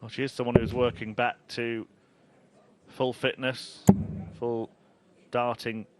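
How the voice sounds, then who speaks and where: Male darts commentator, pretty level delivery, analytical, loud noise behind. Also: medium pitch, level tone, slow. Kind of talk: live sports commentary, analytical.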